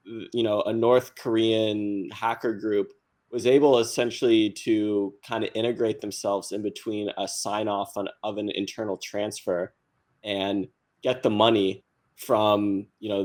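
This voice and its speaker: Man, lowish voice, chatty explainer, lots of fillers. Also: a little mellow. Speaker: panelist on crypto. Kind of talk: casual podcast discussion.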